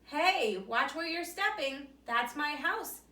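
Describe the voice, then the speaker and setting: A woman's voice: sits high, animated, slow, sharp tone, reverberant, distant mic, pitched above the performer's own voice, full character voice. A woman voicing a stern but kindly older male beaver in a storybook. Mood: gruff.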